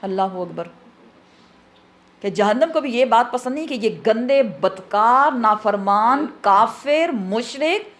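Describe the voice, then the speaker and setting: A woman's voice: on the high side, expressive, fairly bright tone. A woman explaining Quran verses in a lesson, asking questions and answering them herself, with English words mixed into her speech. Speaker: Quran teacher.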